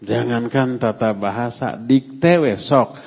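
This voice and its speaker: A middle-aged man teaches a religious lesson at a deliberately slow pace. He speaks with emphasis and quizzes the listeners now and then. His voice rings in a long hall reverb through a dull, muffled recording. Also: mid-range voice, creaky, breathy edge. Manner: unhurried, emphatic, quizzes the audience. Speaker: Islamic teacher. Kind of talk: religious study lecture.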